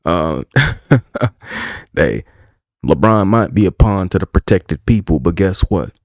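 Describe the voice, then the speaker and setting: A man's voice: low voice, lively intonation, slow pace, no echo. A man streaming live, talking casually, rambling and bluntly profane. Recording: dull lo-fi dry sound.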